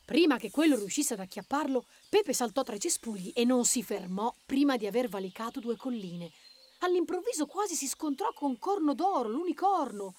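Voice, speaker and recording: A woman reading a children's story aloud in a lively, expressive way, doing the characters' voices. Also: high voice, normal speed.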